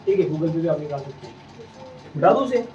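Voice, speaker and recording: A man's voice: fairly high pitch, big pitch swings, fairly quick. A man teaching English reading to children in a classroom, patiently repeating questions and drilling letter sounds. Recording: echoey room, distant mic, slightly dull.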